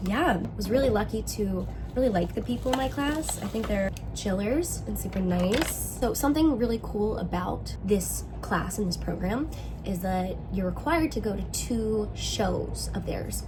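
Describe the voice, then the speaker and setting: A young woman with vocal fry and a sore throat talks in a casual, slangy vlog style, often dropping in "like". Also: mid-range voice, noisy background. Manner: informal, slangy, frequent "like". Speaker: vlogger, musician and sketch writing student.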